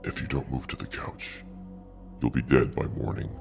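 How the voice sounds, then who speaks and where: A man voicing a possessed girlfriend talking in her sleep, low, gravelly and slowly menacing, in a horror story. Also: steady tone, over music. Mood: slow menace. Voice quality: low, gravelly, barely human. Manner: sleep talking, slow and threatening.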